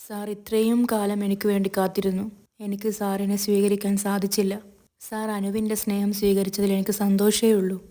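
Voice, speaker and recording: A woman's voice: medium pitch, little pitch movement, fairly quick, warm tone, lightly acted. A woman voicing a heartbroken young female office worker who speaks sorrowfully and denies her own feelings. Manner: sorrowful, self-denying.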